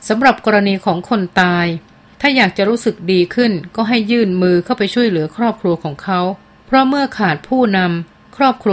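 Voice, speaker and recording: A woman narrating a novel aloud in a measured, steady reading voice. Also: medium pitch. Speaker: audiobook narrator.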